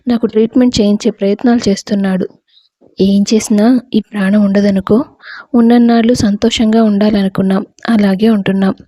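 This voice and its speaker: A gentle, resigned young wife facing her own death, as a woman storyteller puts her on. The tone is mellow and soft, with a breathy edge. The sound is close and dry, as in a storybook audio reading. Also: mid-range voice, no room sound, lightly acted.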